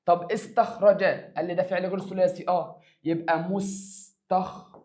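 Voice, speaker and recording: At a moderate pace and in a high-sitting voice, a man reviews grammar for secondary students ahead of an exam, speaking with an Egyptian Arabic accent. Lively throughout, he drags out words to stress them, answers the questions he asks, and addresses the class as "my dears."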